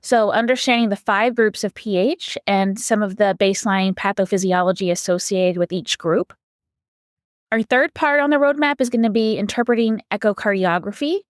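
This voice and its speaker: A woman co-hosting a medical podcast, methodical and organized as she maps out the topics ahead. Her voice sits at a middle pitch and sounds dry and close, with no room echo. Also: moderate pace. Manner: organized, lays out a roadmap step by step. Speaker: podcast co-host, physician.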